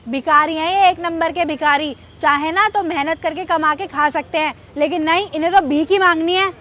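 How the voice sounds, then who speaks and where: A woman's voice: very high-pitched, steady tone, moderate pace, pushed and bright. A woman acting as a snobbish mother who sneers at a poor girl, then pleads with a tutor, in a short drama skit. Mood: contemptuous. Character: snobbish scolding well-off mother.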